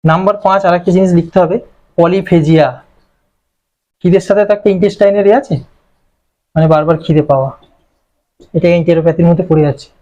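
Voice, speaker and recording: High-voiced Bengali man lecturing. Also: fairly even intonation, quick pace, long pauses, mellow, highs cut off. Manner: explains terms, asks and answers own questions. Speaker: medical lecturer. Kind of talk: classroom lecture.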